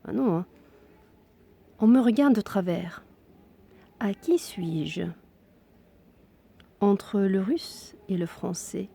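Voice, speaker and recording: A woman reads a literary passage aloud in a warm, mellow voice, taking her time over every phrase. Her delivery is intimate and hushed, sometimes sinking to a bare whisper, with long, deliberate pauses. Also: mid-range voice, gravelly. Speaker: reader of a literary text. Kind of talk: expressive literary reading.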